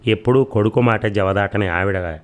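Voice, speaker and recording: A man narrating a serialized audiobook story in a steady, measured reading. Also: on the low side.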